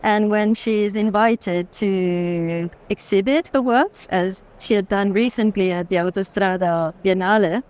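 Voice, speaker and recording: An art curator leads a walk through a busy art fair hall, thoughtfully explaining the art in an unscripted conversation as she moves. Her voice is medium-pitched and darkish, a little slow, with hardly any pauses.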